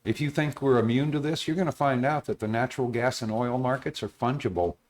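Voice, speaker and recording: A man's voice: medium pitch, a little fast. A man co-hosting a casual political podcast who talks in a blunt, opinionated way. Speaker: podcast co-host.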